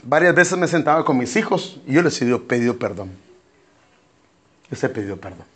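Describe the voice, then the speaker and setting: A man's voice: mid-range voice, very animated, moderate pace, a bit bright. A middle-aged male pastor preaching a sermon, emphatic and repeating his phrases as he keeps calling his listeners brother.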